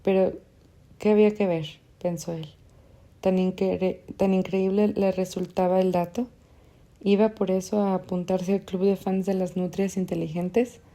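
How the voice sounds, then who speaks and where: A woman reading literary fiction aloud as an audiobook narrator, in a measured, even way. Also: fairly low pitch.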